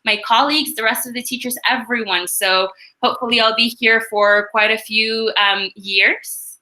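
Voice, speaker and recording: A woman's voice: a little high, fairly even intonation, normal speed, pushed and bright, poor audio. A woman from Mexico, a teacher speaking and interpreting at a school meeting on a video call, upbeat and repeating herself for emphasis.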